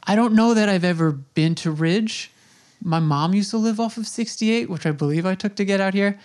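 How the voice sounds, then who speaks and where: A woman's voice: medium pitch, normal speed, a little mellow. A woman speaking casually and informally as a podcast host.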